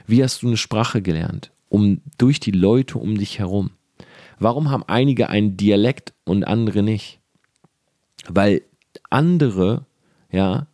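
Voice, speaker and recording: Deep-voiced man giving earnest motivational talk. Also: dark tone, no echo, clean studio sound. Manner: earnest, direct, addresses the listener as you; casual, with fillers and mild swearing. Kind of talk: motivational monologue to the listener.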